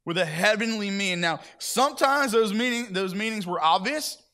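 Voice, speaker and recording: A man's voice: high voice, lively intonation, moderate pace, bright, forceful tone. A man preaching a sermon at church in a chatty, conversational way, often repeating himself. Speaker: pastor.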